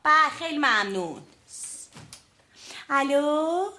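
In a sitcom role, a woman plays a fussy, talkative office secretary who apologizes constantly while botching phone calls. Her voice sits high, with a sharp tone and lively intonation.

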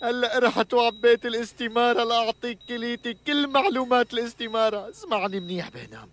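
A man's voice: extremely high pitch, animated, fast, fairly bright tone, exaggerated voice. An actor playing a bumbling, anxious man with a Levantine accent who pleads and laughs when he means to cry. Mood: pleading. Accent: Levantine Arabic. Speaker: patient's companion. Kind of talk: comic dubbed drama.

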